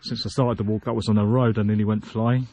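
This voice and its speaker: A man's voice: fairly low pitch, little pitch movement, fast talker, mellow. A man hiking outdoors and talking casually to his viewers, chatty and amused as he walks. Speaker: hiking vlogger. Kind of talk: casual walking commentary. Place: outdoors in open hill country.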